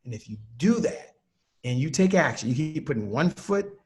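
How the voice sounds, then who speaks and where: A man's voice: fairly high pitch, sing-song, normal speed. A male guest speaker telling a personal story in an earnest, motivational tone. He talks like a coach rallying his listeners. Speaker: guest, sales trainer.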